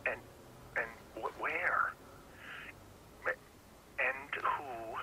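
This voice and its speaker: An actor playing a jittery, eccentric male informant in a video game, speaking in a halting, conspiratorial, breathy voice. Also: medium pitch, huge pitch swings, sharp tone, a little hiss or hum, exaggerated voice, low-quality recording.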